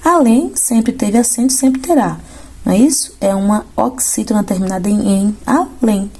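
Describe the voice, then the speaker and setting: A Portuguese teacher works through exam-prep questions, explaining grammar step by step and regularly checking in with her students. Her voice is on the high side and warm, at a moderate pace.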